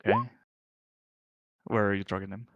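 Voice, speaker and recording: A man's voice: on the low side, little pitch movement, normal speed, no room sound, dull audio. A man acting as game master, narrating a tabletop game casually and answering players.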